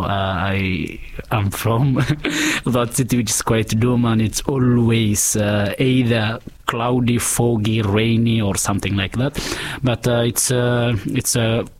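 A man, a guest in a casual interview, telling his story in an unhurried, reflective way. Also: fairly low pitch, fairly even intonation, slight background noise. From Kenya.

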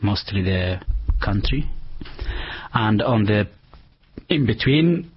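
A young Kenyan man with a husky, fairly low voice talks as an interview guest. He speaks softly and hesitantly, filling his pauses. The recording sounds dull and lo-fi. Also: animated. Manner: soft-spoken, hesitant with many fillers. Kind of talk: conversational interview.

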